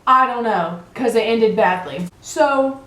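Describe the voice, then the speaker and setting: A woman's voice: on the high side, takes it slowly, a bit bright, echoey room, low-quality recording. Chatty young woman telling dramatic storytime. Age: young adult. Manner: chatty, dramatic, holds grudges, sarcastic asides. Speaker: vlogger. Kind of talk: casual storytime while eating. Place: car, then indoors at a table.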